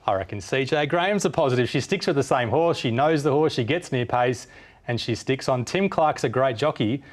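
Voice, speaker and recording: A man's voice: medium pitch, lively intonation, a little fast. A man giving conversational horse racing analysis and betting tips as a form analyst.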